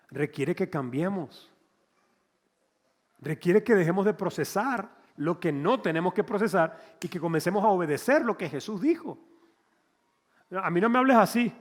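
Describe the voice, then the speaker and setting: A pastor preaching in a lively, conversational way, slipping into acted-out dialogue. His voice sits slightly high for a man. It rings with the long reverb of a church hall. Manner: animated, conversational, acts out quotes. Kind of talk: sermon.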